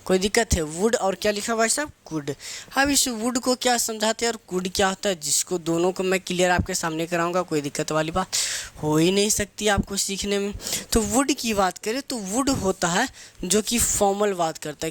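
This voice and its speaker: A man's voice: sits high, normal speed. A man teaching English grammar for exam students, asking questions and answering them himself, mixing English phrases into his talk. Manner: asks a question and answers it himself, drilling terms; mixes English phrases into spoken Hindi. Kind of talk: lecturing for competitive exam students.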